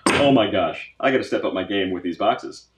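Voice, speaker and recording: Here a man whose voice sits on the low side talks at normal speed, excitedly repeating himself while going through a gift box. He runs a pipe tobacco channel, and this casual unboxing vlog has a noisy background and an echoey, roomy feel.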